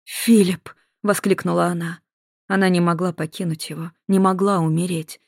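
An audiobook narrator reading in an even, measured voice of middle pitch. The sound is dry and close to the mic, with no room around it. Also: creaky, no room sound. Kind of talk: scripted narration.

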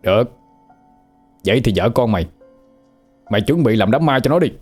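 A man's voice: mid-range voice, expressive, moderate pace, darkish tone, slightly rough, soft background music. A man playing a cruel, mocking swindler in a spoken ghost story. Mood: threatening. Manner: sneering, threatening. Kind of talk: audio drama storytelling.

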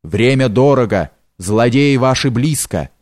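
A man's voice: mid-range voice, expressive, unhurried, darkish tone, dry recording, clean studio sound, natural voice. A man voicing a grim, mysterious male warrior stranger in an audiobook, urgent and commanding.

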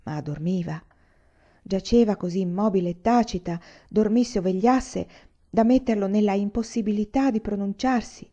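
A woman reading a literary novel aloud in a measured, even storytelling voice. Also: mid-range voice. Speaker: audiobook reader. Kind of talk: literary narration read aloud. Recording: slightly dull lo-fi recording.

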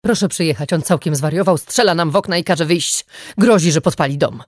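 A woman's voice: sits low, a little fast, dry recording, clean studio sound. Woman reading a panicked man on the phone. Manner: urgent, frightened. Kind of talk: audiobook character reading.

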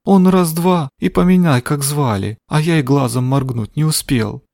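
A man's voice: a little high, normal speed, vocal fry, a little mellow, dry recording, voice pushed up. A man voicing a young boy thief who whimpers and pleads in fake distress. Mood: tearful. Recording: dry studio sound.

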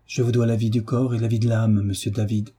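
A man voicing an emotional young pupil overflowing with enthusiasm, in a dark, husky voice. His words come out exalted and carried by emotion. It is read in an audiobook. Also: fairly low pitch, level tone, brisk. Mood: grateful. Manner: exalted, breathless with feeling. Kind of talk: audiobook reading.

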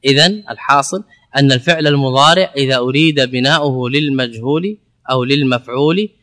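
With a mid-range, slightly bright voice, a male teacher walks his class through Arabic grammar one step at a time. He asks himself questions, answers them, and drills words by repeating them slowly.

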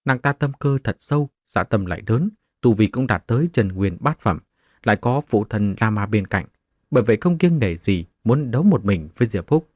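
A man's voice: lowish voice, lively intonation, moderate pace, a little mellow, no echo, clean studio sound. A man narrating a martial-arts novel as a scripted audiobook, voicing the characters in his own voice.

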